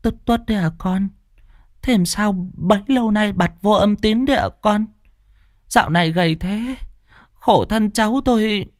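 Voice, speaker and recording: A man voicing a kind, soft-hearted old village aunt in a spoken ghost story, talking in a tender, fussing way. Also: high voice, moderate pace, no echo, clean studio sound, pitched above the performer's own voice, lightly acted.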